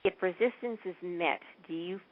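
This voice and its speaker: A woman in her sixties calling in to a talk show, asking questions hesitantly with many pauses. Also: on the low side. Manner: hesitant, searching for words. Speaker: caller. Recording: tinny phone line.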